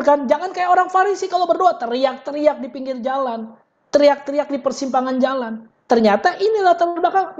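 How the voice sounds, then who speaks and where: A woman pastor preaches a casual, animated sermon in a church. Her voice is fairly high and she acts out the quotes she tells. The recording is dull and lo-fi.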